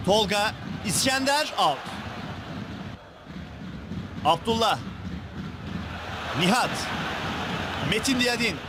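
High-pitched, excited male football commentator. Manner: excited, emphatic, raised voice. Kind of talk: match highlights commentary. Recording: noisy 1990s TV sports broadcast audio.

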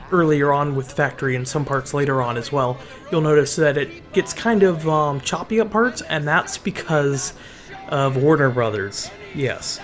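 A man giving relaxed, casual voice-over commentary on a Minecraft build, often pausing with ums and restarting sentences. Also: fairly high pitch.

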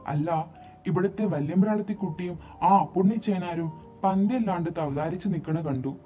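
A man's voice: high-pitched, moderate pace, dark tone, natural voice. A man voicing a deferential male servant who speaks anxiously and with hesitation. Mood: pleading. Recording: dull lo-fi recording, faint music behind.

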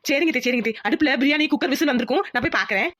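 A woman's voice: sits high, rapid-fire, fairly bright tone. A woman voicing a sly young village daughter-in-law in a cartoon, sweetly polite with muttered asides.

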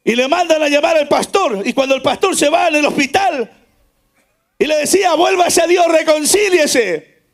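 High, gravelly shouting preacher. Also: male voice, a little fast. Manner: fervent, shouting in bursts, then dropping low. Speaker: pastor. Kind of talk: shouted Pentecostal sermon.

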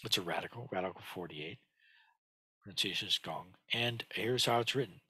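An older male teacher with a low, husky voice gives a screen-share lesson on Chinese characters from a home study lined with bookshelves. He explains haltingly, with many fillers and restarts, and his tone is bright and forward. Recorded on a headset, the sound is close and dry with no echo.

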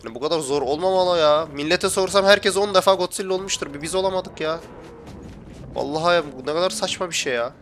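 A man's voice: high voice, fast talker, a bit bright, slight background noise. A young man commentating his gameplay for viewers, chatty and often complaining that he is getting annoyed. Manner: grumbling, gets worked up and complains to viewers. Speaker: gaming YouTuber.

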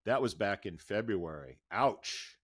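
Speaking at a measured pace with lively intonation, this low-leaning male voice belongs to a middle-aged American podcast co-host. Close to the microphone, he alternates cheerful banter with news reading, joining by video call from an indoor room at home. The recording is dry.

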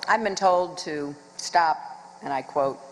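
A woman speaking with slow, deliberate defiance in a comic clip from a show. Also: deep voice, a little hiss or hum, low-quality recording.

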